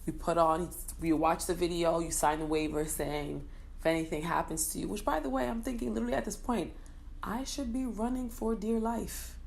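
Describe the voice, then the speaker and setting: Gravelly-voiced woman telling a wild story. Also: fairly low pitch, normal speed. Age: 30s. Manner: animated, swearing, playful. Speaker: vlogger. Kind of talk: casual storytelling to camera.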